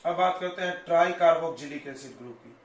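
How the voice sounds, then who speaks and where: A man's voice: fairly high pitch, fast talker, recorded from a distance. A male chemistry teacher giving a classroom lecture, explaining step by step and often checking that students follow. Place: coaching classroom. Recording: echoey classroom.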